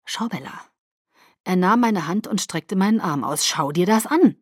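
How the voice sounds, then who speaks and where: A woman voicing a remorseful young man, a brooding vampire lover who speaks low and hushed in an audiobook. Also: animated, moderate pace, dry recording, studio quality. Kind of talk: audiobook character voice.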